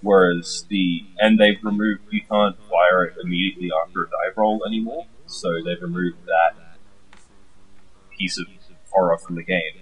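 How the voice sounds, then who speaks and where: A man's voice: low voice, fairly even intonation, normal speed, breathy edge, poor audio. A man co-hosting a casual gaming podcast, polite and correcting himself mid-sentence. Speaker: podcast co-host.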